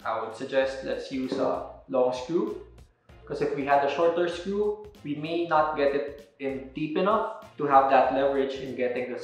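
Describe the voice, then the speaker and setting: Here the young man's voice is mid-range and his speed normal, over soft background music. He's a wine presenter giving an instructional demo on opening a wine bottle, step by step, in a very reverberant indoor room with a table.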